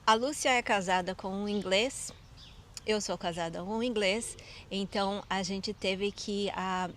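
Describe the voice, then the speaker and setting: A woman's voice: medium pitch, fairly even intonation, a little slow, a bit bright, slight background noise. A woman from Brazil with a Brazilian Portuguese accent, hosting a casual chat and quizzing her guest. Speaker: host.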